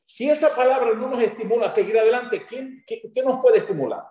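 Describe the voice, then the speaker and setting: A man from Maracaibo in Venezuela with a Maracaibo accent, preaching a sermon as a guest pastor, talking fast and getting excited. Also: very high voice, roomy sound. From Venezuela (Zulia).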